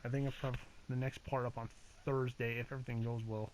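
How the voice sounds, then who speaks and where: A man's voice: medium pitch, little pitch movement, fairly quick, darkish tone, slight background noise, low-quality recording. A man giving a casual channel update as a gaming YouTuber, rambling and hesitant with many fillers, restarts and casual swearing.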